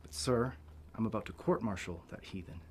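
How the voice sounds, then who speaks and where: A man's voice: lowish voice, brisk, darkish tone, slight background noise, lightly acted. An actor playing an eager, indignant young cavalry lieutenant in a western film, clipped and formal as he protests his orders. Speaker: army lieutenant.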